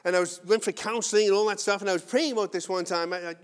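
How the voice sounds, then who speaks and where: High-voiced man preaching a sermon. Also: fairly even intonation, very fast, clean tone. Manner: earnest, conversational preaching with wide swings in loudness. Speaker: pastor.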